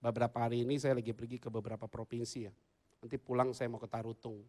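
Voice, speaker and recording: A male pastor preaching a humorous sermon in a church, moving between loud excited bursts and quiet asides. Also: medium pitch, quick pace.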